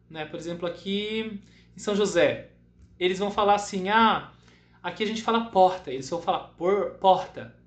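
A man from Brazil, teaching English to children and repeating each word slowly for them to echo. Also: sits high. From southern Brazil. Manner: slow repeated English words for pupils to echo. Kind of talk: bilingual online class for children.

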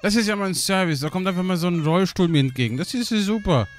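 Excitable young German gamer, lively voice. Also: male voice, high voice, quick pace, a little hiss or hum. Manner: excitable, swears a lot, laughs often. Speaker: let's play gamer. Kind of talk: casual gaming commentary.

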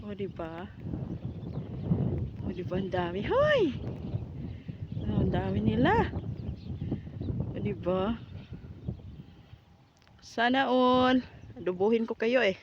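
A vlogger with a mid-range voice wanders an outdoor farm with camels, goats and birds, narrating casually at an unhurried pace with long pauses. Playful and teasing, they make jokes and then take them back, and call out to the animals. The phone audio is windy and dull.

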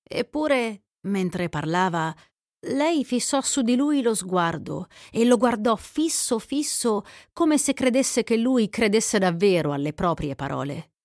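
Woman narrator, slow measured storytelling, dry close studio mic. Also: medium pitch, animated, darkish tone, no room sound. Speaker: audiobook narrator. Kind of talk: scripted literary narration. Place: recording studio.

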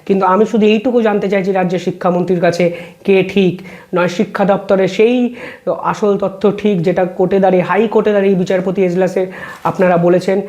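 A man giving political news commentary in a pointed, questioning way, reading out court documents slowly and then explaining them. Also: high-pitched, level tone, darkish tone.

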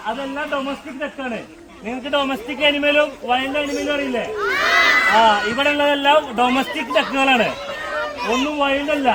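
Male farm guide, playful quizmaster with kids, very high pitch, shouting over a noisy children's crowd outdoors. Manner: playful, keeps quizzing the kids with questions; raises voice to be heard over the children. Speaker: farm guide teaching schoolchildren. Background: loud chatter of many children outdoors.

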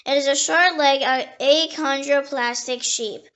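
High-voiced woman reading dictionary entries slowly. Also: fairly even intonation, fairly bright tone, dull audio. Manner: slow, careful reading, spelling words letter by letter, with small slips and restarts. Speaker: dictionary reader.

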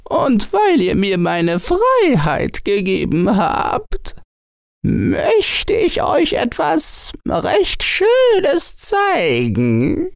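A man voicing a small, grateful and kind sea turtle in a storybook, speaking in a high, slow and formal singsong. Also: huge pitch swings, creaky, dry recording, clean studio sound, exaggerated voice. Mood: gentle.

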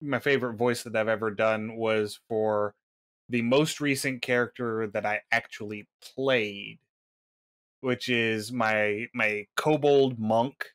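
A man's voice: on the low side, steady tone, takes it slowly, a bit bright. A man talking casually on a panel, modest and a little self-deprecating. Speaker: panel guest, player.

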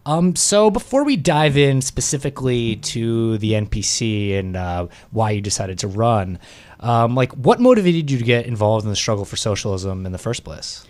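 A man's voice: medium pitch, very animated, normal speed, darkish tone. A young man hosting a radio interview in a small studio, asking loose, casual questions into a studio mic. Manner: casual, filler-heavy questions. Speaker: radio show host. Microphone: studio mic with headphones.

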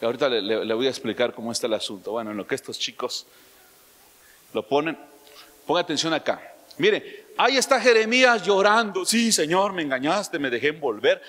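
A man preaching a sermon as pastor, emphatic, throwing out rhetorical questions and rising suddenly to loud lines. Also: medium pitch, a little fast, long pauses. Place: church. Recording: long church-hall reverb.

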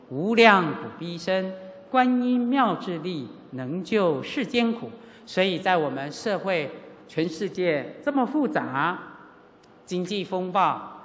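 A middle-aged Buddhist teacher from Taiwan, giving a sermon full of personal stories, acting out dialogue and asking the audience rhetorical questions. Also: mid-range voice. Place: lecture hall at a Buddhist centre. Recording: long reverb of a lecture hall.

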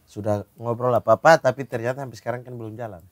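A man from eastern Indonesia, co-hosting a casual chat and telling stories with lively mimicry. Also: medium pitch, fast, no room sound. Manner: animated storyteller, mimics stammers.

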